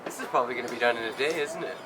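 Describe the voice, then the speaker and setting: A man's voice: mid-range voice, racing. A man hosting a casual vlog outdoors, joking easily and laughing often. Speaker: vlog host. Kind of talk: casual vlog chat and narration. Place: outdoor rural building site. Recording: noisy outdoor ambience.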